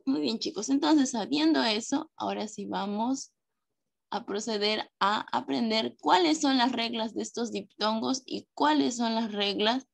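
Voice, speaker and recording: A woman teacher giving a class, patient and warm with her pupils, often checking that they follow and slowly stressing key words. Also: a little high, gravelly. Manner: patient, with frequent checks for understanding; affectionate diminutives, slow stressing of key words. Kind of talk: online class lesson.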